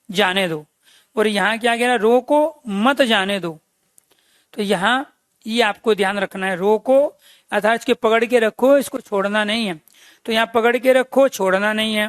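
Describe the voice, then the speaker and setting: A man gives an exam-prep lesson in a fairly high voice. He calls his listeners dear friends and keeps quizzing them. The recording is dry, with no room sound. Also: fairly bright tone, no room sound. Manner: repeats key phrases and quizzes listeners with questions. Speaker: Hindi grammar teacher.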